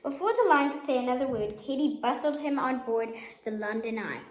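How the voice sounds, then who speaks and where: A woman's voice: high voice, expressive, fairly quick. A woman storyteller reading a children's picture book aloud. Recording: echoey room.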